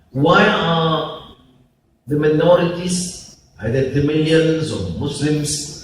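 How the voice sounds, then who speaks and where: A man from Malaysia, giving an emphatic public speech with pauses at a conference. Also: mid-range voice. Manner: slow, emphatic oratory with pauses. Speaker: conference speaker, politician. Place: large conference hall. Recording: echoey hall, distant mic, faint noise.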